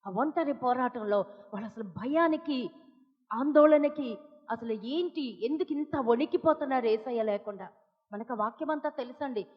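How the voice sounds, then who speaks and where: An Indian woman pastor with a Telugu accent, preaching an impassioned sermon that swings from loud pleas to hushed asides. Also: sits high, normal speed. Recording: dull audio with long hall reverb.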